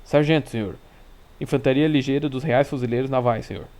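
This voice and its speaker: Gruff ex-sergeant messenger voiced by a man, short clipped answers. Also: medium pitch, fairly even intonation, a little fast, darkish tone, natural voice. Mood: curt. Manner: clipped, brusque replies. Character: curt retired marine sergeant messenger, brisk.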